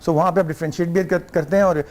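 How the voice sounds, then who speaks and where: A man with a Pakistani Urdu accent, a guest on a talk show, telling stories in an animated way and sometimes mimicking Arabic phrases. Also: a little high. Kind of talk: casual talk show conversation.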